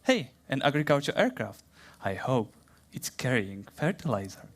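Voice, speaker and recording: A young man with a Czech accent giving a playful, theatrical science talk in a plant's voice, then answering questions in halting English. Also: medium pitch, sing-song. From Czech Republic. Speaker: science communication contestant.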